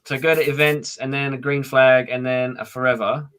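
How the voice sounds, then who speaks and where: A man's voice: medium pitch, little pitch movement, normal speed, fairly bright tone, clear, resonant tone. A man hosting a casual live coding stream, explaining steps in an easygoing way with lots of fillers.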